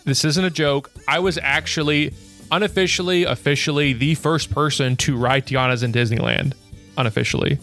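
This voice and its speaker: A man's voice: medium pitch, a bit bright. A young man narrating a scripted video essay, blunt and opinionated, with a sarcastic edge. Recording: faint music under the voice.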